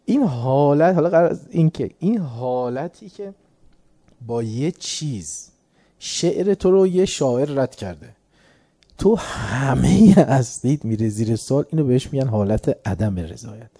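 A man's voice: mid-range voice, animated, dark tone, slightly rough. A man giving a religious lecture, telling an anecdote in a conversational way and chuckling at his own story.

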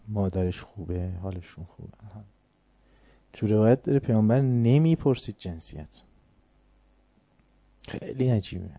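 A man's voice: on the low side, mellow, dry recording. A man giving an informal religious lecture in colloquial speech, teaching by asking rhetorical questions and answering them himself.

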